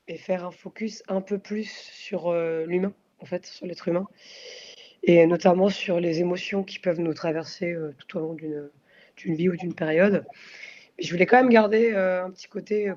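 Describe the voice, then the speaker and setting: A woman's voice: fairly low pitch, a little mellow. Thoughtful woman singer, muffled sound. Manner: thoughtful, searching for words with many fillers. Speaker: singer of a post-metal band. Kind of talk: interview answers.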